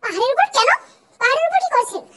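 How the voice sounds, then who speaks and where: A woman's voice: very high voice, very animated, slight background noise, heavily acted, rough recording. Woman doing a sassy, bossy young wife. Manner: sharp, sassy, quick comebacks. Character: bossy young wife fielding angry phone calls. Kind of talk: comic fan dubbing.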